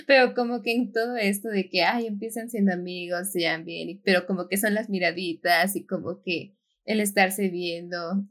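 Young woman, podcast co-host, animated and laughing, mid-pitched voice. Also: moderate pace. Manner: animated, laughs often, many fillers. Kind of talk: casual chat.

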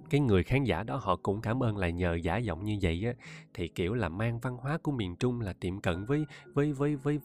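Southern vietnamese man, audiobook narrator, low-pitched, chatty, faint music behind. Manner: chatty, addresses listeners often, laughs often. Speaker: audiobook narrator and podcast host. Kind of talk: casual monologue to listeners.

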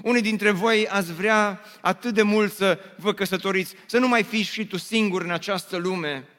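A man's voice: sits high, fairly even intonation, a bit bright, big-room sound. A man preaching a sermon to his congregation, repeating refrains and posing rhetorical questions. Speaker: pastor. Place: church.

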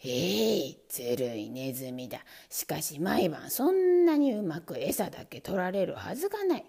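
A red-faced, hot-tempered grown man from a storybook, growling his words far below a normal speaking voice, as a woman puts him on. The voice stays mellow and dark under the gruffness. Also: big pitch swings, moderate pace, heavily acted. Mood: grumbling. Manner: growling, grumbling low voice.

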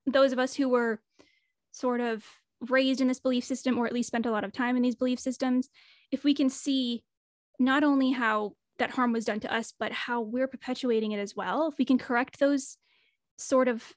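A woman's voice: a little high, steady tone, moderate pace, no echo, clean studio sound. A woman talking as a podcast guest in a casual interview, reflective and earnest, her voice a bit worn as she is losing it. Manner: reflective, earnest, thinks aloud.

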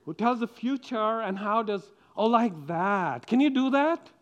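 A man's voice: sits high, lively intonation, measured pace, lo-fi sound. A man giving a playful children's sermon as pastor, coaxing the kids and the congregation with questions.

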